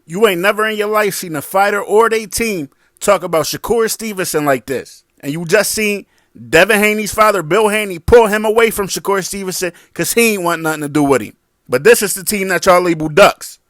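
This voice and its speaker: A man giving casual boxing commentary, blunt and combative, full of slang. His voice sits a little high, and the sound is close and dry, with almost no room around it. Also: brisk, fairly bright tone, no room sound.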